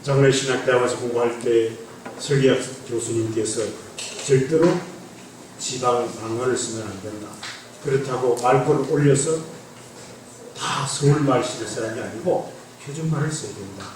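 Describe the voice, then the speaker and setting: In a church sanctuary, a guest pastor from Andong, South Korea, with a slight North Gyeongsang accent, delivers a joking testimony sermon that playfully teases the congregation. His medium-pitched voice is darkish and moderately paced, recorded at a distance in the echoey church with slight background noise.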